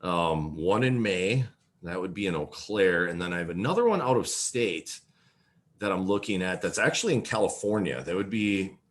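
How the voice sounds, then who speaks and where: A man from Wisconsin with a very low voice chats as a podcast guest. He speaks earnestly and leans on "you know" between thoughts. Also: lively intonation, normal speed. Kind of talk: casual podcast conversation.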